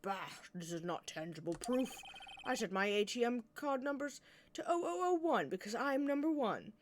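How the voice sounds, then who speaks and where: A woman voicing a pompous, boastful male prosecutor in a courtroom game, speaking forcefully. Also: a little high, animated, moderate pace, slight background noise, voice pushed up, natural voice. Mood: indignant.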